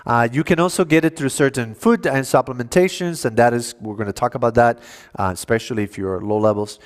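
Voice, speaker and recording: This man, from Cuba, speaks at a medium pitch and a fairly quick pace. He's giving an educational health lecture to an audience at a church seminar.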